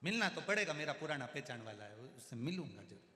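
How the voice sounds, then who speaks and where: A man's voice: mid-range voice, sing-song, quick pace, sharp tone. A preacher doing a stubborn deaf old grandfather. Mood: insistent. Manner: insistent, repeats himself. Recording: echoey hall with faint music.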